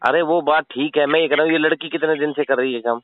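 Through a tinny, narrow phone line, a scam-baiter argues informally with a caller, probing and demanding again and again to be heard. His fairly high voice is fast with fairly even intonation, and the recorded call has a little hiss or hum.

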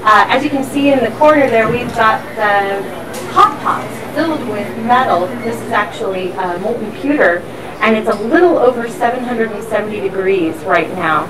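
Speaking at normal speed in a voice on the high side, a factory tour guide explains things one step at a time. Crowd noise, machinery and workshop sounds fill the busy floor, and the mic is a bit far away.

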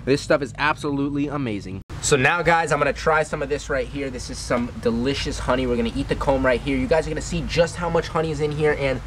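A young man hosting a vlog outdoors beside beehives, talking excitedly and emphatically to camera in a casual style. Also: medium pitch, fast talker, few pauses. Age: young adult. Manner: exclaiming, emphatic, repeats superlatives. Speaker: vlog host. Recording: noisy outdoor camera audio.

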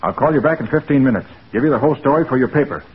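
An actor playing a quick-witted, assured American private detective in an old-time radio drama, brisk and cool under threat. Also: male voice, mid-range voice, lightly acted. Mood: brisk, confident. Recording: muffled, hissy old radio recording.

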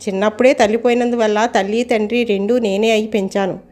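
A woman's voice: medium pitch, fairly even intonation, fast talker, darkish tone, lightly acted. A woman voicing an earnest older father, fond and worried about his son, in a storybook reading.

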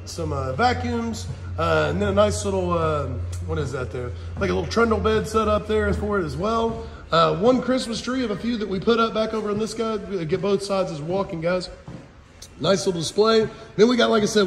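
In a large indoor auction hall and warehouse, an auction house presenter in his forties holds a phone and casually lists items for viewers, calling them "guys" in a folksy way. His voice is high-pitched, with a little hiss or hum and echoey hall reverb.

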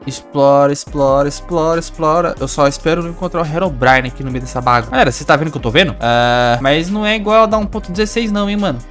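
A man with a Brazilian Portuguese accent giving excitable, playful gameplay commentary. He repeats catchphrases and swings between loud squeals and low mutters. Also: rapid-fire, few pauses, faint music behind. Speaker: gaming YouTuber.

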